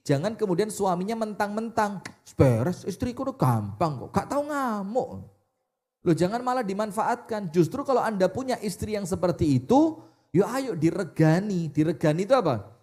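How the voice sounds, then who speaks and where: A man preaching a sermon, animated, asking the audience questions and answering them himself. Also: on the high side.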